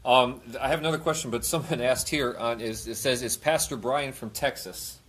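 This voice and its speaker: A man with a husky edge to his voice hosts a live missionary interview. He stumbles over his phrasing, repeats words, and laughs easily. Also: medium pitch, a little fast, fairly bright tone. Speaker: missionary host.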